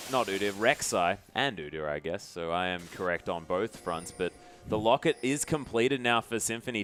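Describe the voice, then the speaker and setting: Male esports co-caster, average pitch, dry wit, light arena ambience. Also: fairly bright tone, slight background noise. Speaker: esports commentator. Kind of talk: esports color commentary.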